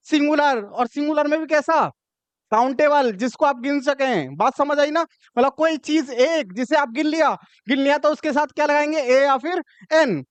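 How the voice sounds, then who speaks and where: A man's voice: very high voice, normal speed, no echo. A male teacher, explaining grammar step by step and often checking that his students have understood. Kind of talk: classroom grammar lesson.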